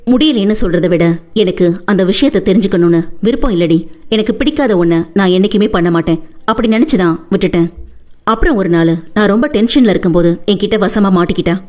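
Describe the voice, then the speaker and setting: A woman's voice: mid-range voice, darkish tone, close to an everyday voice. A woman voicing a hot-tempered but doting young husband in an audiobook, coaxing and boastful.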